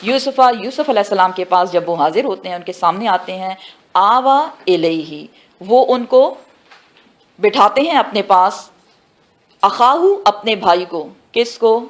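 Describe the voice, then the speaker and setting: A woman giving a tafsir lesson who asks her students questions and answers them herself, mixing in English phrases and slowing down for the Arabic words. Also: medium pitch. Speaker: Quran teacher. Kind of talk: tafsir class lecture.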